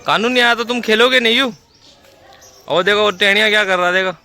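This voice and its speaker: A man's voice: high-pitched, fast, pushed and bright. A man vlogging outdoors in a neighborhood lane, chatting playfully and teasing local kids. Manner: playful, teasing, talks to the camera as "guys". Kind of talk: casual vlog chat with neighborhood kids.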